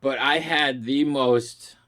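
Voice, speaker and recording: A man's voice: medium pitch, slow. A middle-aged man hosting a comedy video, talking casually and profanely and laughing a lot. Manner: animated, profane, laughing often. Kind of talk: casual reaction commentary.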